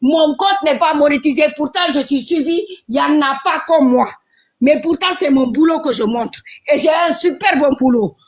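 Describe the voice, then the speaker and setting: A woman's voice: sits high, moderate pace. Fired-up breathless woman pleading on a call. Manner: pleading, fired-up, repetitive rallying. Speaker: caller on a live stream. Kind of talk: impassioned live-stream rant.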